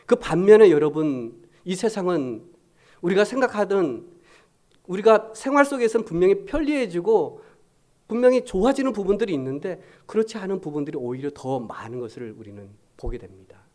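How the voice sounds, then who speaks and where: A man preaching a Sunday sermon in a conversational way, alternately rising with emphasis and dropping to a soft, low voice. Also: animated, fairly quick. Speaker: pastor.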